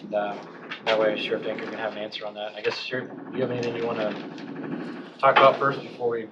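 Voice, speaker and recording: A man's voice: fairly low pitch, level tone, fast. A man chairing a county board meeting in a plain, procedural way, speaking through a face mask. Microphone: masked, speaking at a table mic. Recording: distant, dull, noisy, echoey meeting room.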